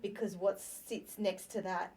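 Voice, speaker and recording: A woman's voice: mid-range voice, a little slow. A woman hosting a podcast chat, talking casually and acting out her own inner voice in quotes. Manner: animated, acts out quoted inner dialogue. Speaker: podcast host.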